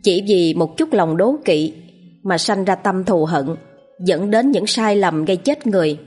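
Low husky lady reading a ghost story slowly, faint music behind. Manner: slow, steady reading. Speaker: story narrator. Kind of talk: scripted ghost story narration.

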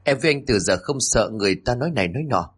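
A man voicing a scheming young mistress who talks in a quick, sneering way in a spoken story. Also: medium pitch, lively intonation, slightly rough. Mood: gloating.

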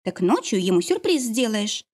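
A woman's voice: medium pitch, big pitch swings, moderate pace, a little mellow. A woman voicing a caring young mother and priestess who reassures her friend. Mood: reassuring.

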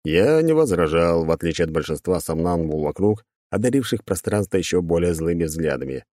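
Low-voiced wry male narrator. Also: lively intonation, a little fast, warm tone, no room sound, clean studio sound. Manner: wry, sardonic storytelling. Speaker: audiobook narrator. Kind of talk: scripted first-person narration.

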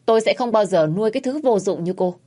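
A woman voicing a greedy, cruel middle-aged stepfather who shouts and curses with contempt. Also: lowish voice, a little fast, lightly acted. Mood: contemptuous.

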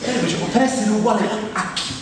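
In a very echoey hall, with plucked guitar music and a distant mic, a Roman monologist with a Roman Italian accent performs a funny, conversational piece peppered with asides. He talks fast in a high-sitting voice, and the recording is very noisy.

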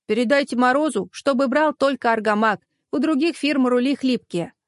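A cocky, bragging schoolboy from a storybook, rattling off his boasts in a fairly high, quick voice, as a woman reads him. The recording is dry and close. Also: animated, no echo. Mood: know-it-all. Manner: bragging, fast-talking.

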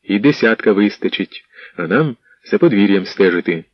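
A man's voice: on the low side, animated, normal speed, no echo. A man voicing a commanding young leader in an audiobook, giving curt orders, on a dull, dry lo-fi recording.

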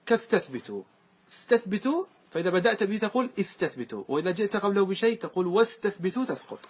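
Male teacher, slightly husky, higher voice, checks in with the class often. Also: sing-song, rapid-fire. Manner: questioning students, repeating answers. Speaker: teacher explaining grammar verses. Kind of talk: classroom lesson.

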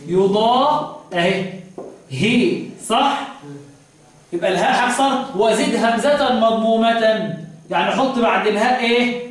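A man's voice: very high voice, moderate pace. A man with an Egyptian Arabic accent teaching Quran recitation in an interactive classroom lesson, quizzing his students and drawing out words as he recites. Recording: echoey room from far off, faint noise.

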